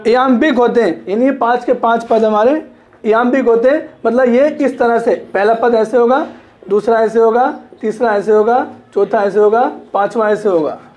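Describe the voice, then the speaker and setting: A man's voice: very high-pitched, normal speed, darkish tone. A man teaching literature in a classroom lecture, repeating points, checking understanding and stretching words to show stress.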